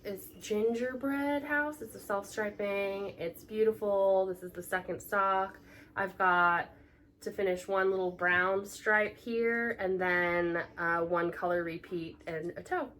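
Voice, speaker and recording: A young woman co-hosting a casual knitting podcast, chatty and gushing, with sudden excited gasps. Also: medium pitch, slow pace. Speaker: podcast co-host.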